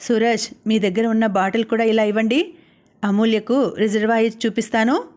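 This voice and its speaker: A woman's voice: on the high side, normal speed, close to an everyday voice. A woman reading a teasing young man. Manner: playful, gently teasing. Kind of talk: audiobook character reading.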